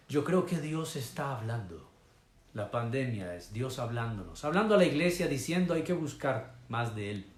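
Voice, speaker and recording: A man preaching an online sermon as pastor, swinging from loud declarations to hushed, slow lines and greeting viewers by name mid-sentence. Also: a little high, reverberant.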